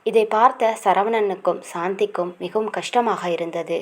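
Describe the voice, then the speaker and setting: A woman narrating a romance novel aloud in a calm, steady reading voice. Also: medium pitch, normal speed.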